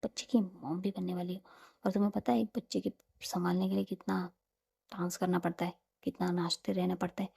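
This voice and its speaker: A playful young woman who teases her partner, as a woman narrating puts her on. Her voice is warm and dark with a breathy, gravelly texture, and her banter is light and quick. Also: fairly low pitch, little pitch movement, heavily acted.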